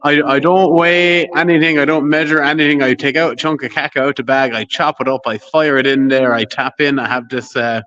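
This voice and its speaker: A man's voice: mid-range voice, steady tone, a little fast, few pauses, a bit bright. Rambling man on a dull-sounding video call. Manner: rambling, says "you know what I mean" often, swears casually. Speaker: guest. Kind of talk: casual conversation on a live stream.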